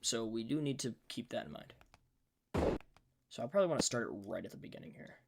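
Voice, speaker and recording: Gravelly male streamer, animated delivery, loose tutorial talk full of fillers. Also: medium pitch, fairly quick, very noisy. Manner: loose, thinking aloud, many fillers. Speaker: streamer teaching sound design. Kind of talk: casual live-stream tutorial.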